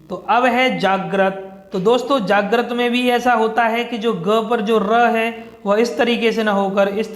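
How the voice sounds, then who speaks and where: A man's voice: sits high, fairly bright tone, roomy sound. A man teaching a grammar lesson for exam preparation. He repeats each word and keeps quizzing his students.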